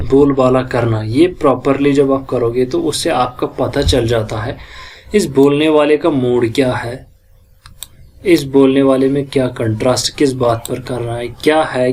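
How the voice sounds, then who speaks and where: Male lecturer, middle pitch, measured teaching delivery. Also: darkish tone, slight background noise. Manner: mixes Hindi explanation with slowly read English lines. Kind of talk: recorded lecture.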